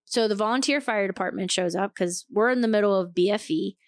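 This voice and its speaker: A woman co-hosting a podcast, telling a story in casual chat, animated and swearing freely as she acts out what people said. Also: medium pitch, a little fast, dry recording, studio quality. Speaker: podcast co-host.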